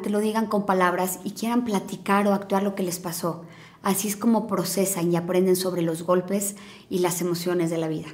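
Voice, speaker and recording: A woman hosts a parenting podcast and gives calm, gentle, reassuring advice from a script. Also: on the low side.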